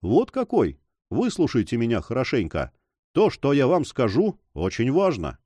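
A male reader voicing a scheming count, a prisoner who talks calmly and commands, in a storybook reading. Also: medium pitch, breathy edge, no echo. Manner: calm, measured, commanding.

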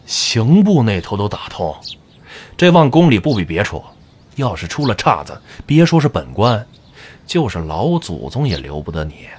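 An actor playing a haughty, suspicious, greedy official in an audio drama. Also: male voice, fairly low pitch, sing-song, normal speed, slightly rough. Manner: haughty, self-important.

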